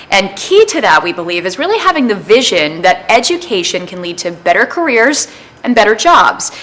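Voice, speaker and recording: A woman TV news presenter giving a scripted, earnest introduction in a measured way. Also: on the low side, fairly bright tone.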